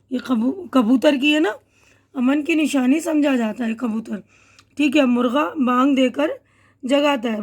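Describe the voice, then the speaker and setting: A woman teacher with an Indian Urdu accent patiently walks children through a school lesson. Her voice sits high with a darkish tone, and she repeats herself and corrects her own slips.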